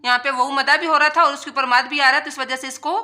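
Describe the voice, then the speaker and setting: A woman teaching Quran recitation word by word, spelling out letters and then chanting each word slowly and drawn out, with quick explanations in between. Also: high voice, fairly even intonation, pushed and bright. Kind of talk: tajweed lesson, word by word.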